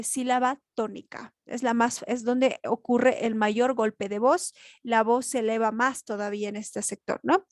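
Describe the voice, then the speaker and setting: A woman's voice: on the high side, no echo, clean studio sound. A woman teacher giving a spoken grammar lesson, explaining step by step and checking in with rhetorical questions.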